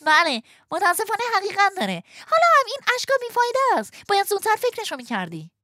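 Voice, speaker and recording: A woman voicing a kind, caring female marmot neighbor who talks in a gentle, consoling, lecturing way, in a storybook audio drama. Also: very high-pitched, huge pitch swings, no echo, studio quality, exaggerated voice.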